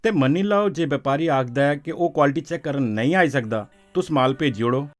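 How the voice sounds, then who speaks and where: In an educational film set to soft background music, a man with a Dogri accent explains a farm law to farmers, his delivery lightly acted. His voice is a little high and his speed normal. He teaches conversationally, often confirming he's understood through brief questions.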